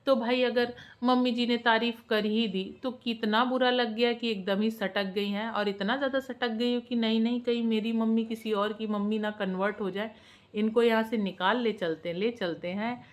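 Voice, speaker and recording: A woman's voice: on the high side, steady tone, normal speed. Teasing, gossipy woman reaction vlogger. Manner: teasing, sarcastic, chatty.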